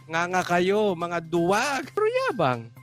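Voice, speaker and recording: A man reacts to political clips with biting mockery, tossing out rhetorical questions. His voice sits high and swoops animatedly. Soft music hums faintly underneath. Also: huge pitch swings, measured pace. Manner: mocking, sarcastic rhetorical questions. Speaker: reaction video commentator.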